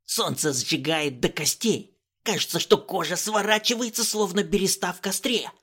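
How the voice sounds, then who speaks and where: A man doing a high, croaking old professor. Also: moderate pace, a bit bright. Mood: haunted. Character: frail, confused old male professor, feverish and fearful.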